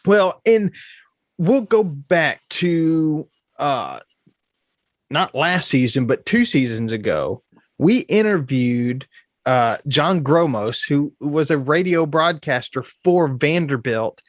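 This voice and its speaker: Higher-voiced man, dry close sound. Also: expressive, slow, no room sound. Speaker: podcast co-host. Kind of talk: casual sports podcast chat.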